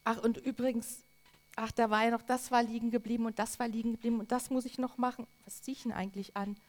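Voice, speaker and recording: A woman preacher voicing Lazarus, a man raised from the dead, chatting offhandedly and then shouting for joy. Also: on the high side, little pitch movement, fast, close to an everyday voice. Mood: offhand.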